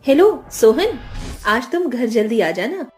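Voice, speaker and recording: A woman's voice: fairly high pitch, sing-song, slow pace, a little mellow, faint music behind. A woman voicing a loving young wife who teases her husband in a sing-song way. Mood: affectionate.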